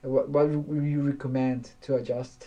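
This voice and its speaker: A man's voice: mid-range voice, flat delivery, warm tone. Costa Rican man hosting a podcast. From Costa Rica. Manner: halting, friendly questions. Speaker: podcast host. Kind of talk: casual interview.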